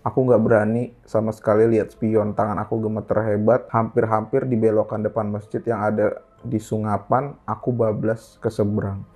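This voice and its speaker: A man casually reading a listener's horror story aloud in a lively, slangy way. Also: medium pitch.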